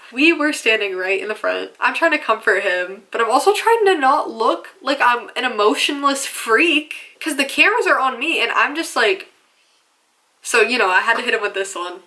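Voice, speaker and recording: A woman's voice: fairly high pitch, pushed and bright. A young woman in college telling a chatty, self-mocking vlog story full of fillers. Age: young adult. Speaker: vlogger.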